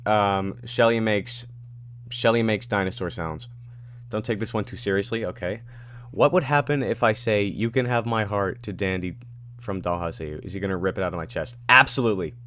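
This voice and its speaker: A man casually answering his viewers' questions at home during a livestream, reading them out and rambling through quick asides. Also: lowish voice, a bit bright, a little hiss or hum.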